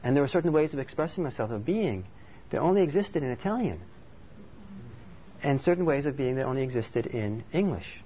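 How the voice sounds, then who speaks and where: This Norwegian meditation teacher delivers a dharma talk that is thoughtful, unhurried and conversational, yet animated. His voice sits at a middle pitch and carries a dark tone. The audio is a little muffled, with a faint hiss beneath it.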